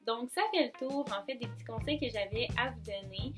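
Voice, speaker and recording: A young woman with a Québécois French accent, a speech therapist calmly giving step-by-step advice in an educational video. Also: fairly high pitch, a little fast, over music. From Quebec. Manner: calm, advising, explains step by step.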